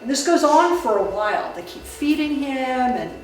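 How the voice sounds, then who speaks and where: A woman's voice: high voice, sing-song, normal speed. Woman giving a talk in an echoey room. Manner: conversational, with many restarts and fillers. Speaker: library speaker. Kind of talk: public talk on folklore. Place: room in a library. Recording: echoey room, distant mic, background noise.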